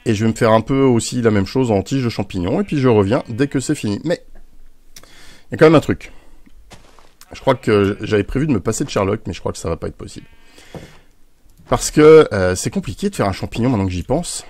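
A man's voice: on the low side, animated, fairly quick, long pauses, a little mellow, dry recording. A man hosting a game building tutorial, chatty and hesitant, with frequent fillers. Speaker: video game tutorial host. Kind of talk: screen-recorded game tutorial.

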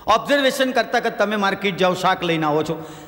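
A man telling stand-up jokes, slipping into quick character voices for the people in his stories. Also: high-pitched, animated, a bit bright. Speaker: stand-up comedian. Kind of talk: stand-up joke telling in a stage show. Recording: long hall reverb.

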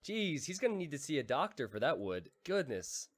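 A man's voice: fairly high pitch, very animated, fairly quick, background noise. A man casting a live strategy game, full of puns he then mocks himself for, often laughing at his own jokes. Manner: punning, self-mocking, laughs at own jokes. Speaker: caster.

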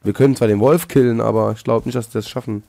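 A man hosting a Let's Play, chatting casually with a co-op partner, excitable and joking, often exclaiming. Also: mid-range voice, fast talker, vocal fry. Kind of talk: casual co-op gaming chat.

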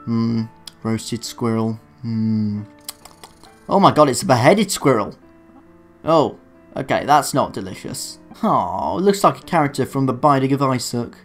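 A man commentating his own gameplay in a dark room, swearing at his failures and making sarcastic, self-mocking asides. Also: medium pitch, expressive, measured pace, soft background music. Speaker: let's play gamer. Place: dark room alone at a computer.

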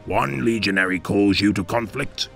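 A man voicing a sly, ambitious male war captain with a husky, gurgling voice for an audiobook. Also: fairly low pitch, normal speed, fairly bright tone, soft background music. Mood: insinuating. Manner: sly, insinuating. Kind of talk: audiobook character voice.

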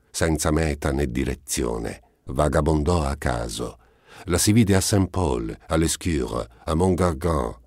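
A man reading a classic novel aloud as an audiobook narrator, in a steady, measured way. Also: very deep voice, breathy edge, no echo, clean studio sound.

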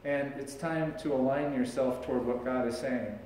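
A man's voice: mid-range voice, moderate pace, far from the mic, slight background noise. Middle-aged male pastor preaching in an echoey church. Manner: conversational preaching, animated hand gestures. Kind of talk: sermon. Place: church sanctuary, large indoor room. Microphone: far camera, no visible mic. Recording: echoey church recorded from afar.

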